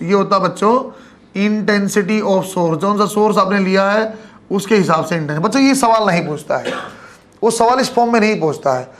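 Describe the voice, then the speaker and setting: A male physics teacher with a Haryanvi Hindi accent, giving a classroom lecture and calling his students "kids" as he checks they follow. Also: high-pitched. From Haryana, India. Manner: addresses students as kids, frequent check-ins.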